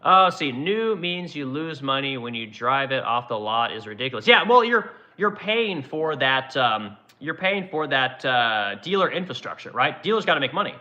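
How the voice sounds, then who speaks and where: A man's voice: medium pitch, very animated, normal speed, few pauses, pushed and bright, muffled recording. A man in his forties who runs a woodworking business, chatting casually on a livestream and answering viewers in a blunt, profane, rambling way. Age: 40s. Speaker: woodworking business owner answering live chat.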